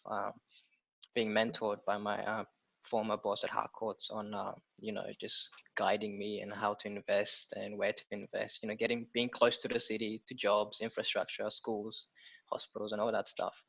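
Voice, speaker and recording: A man's voice: fairly low pitch, gravelly. A man in his twenties from Ethiopia, a guest chatting casually about his analyst work, with lots of "you know" and "um". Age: 20s. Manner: relaxed, many fillers like "you know" and "um". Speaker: guest, property research analyst. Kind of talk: casual interview chat. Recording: dull lo-fi audio.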